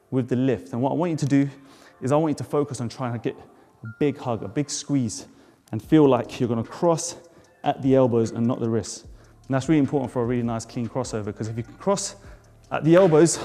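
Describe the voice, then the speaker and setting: A man's voice: medium pitch, a little fast, warm tone. A man coaching a jump rope move step by step, a bit out of breath, with encouraging cues. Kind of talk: tutorial instruction. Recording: hall reverb, faint music.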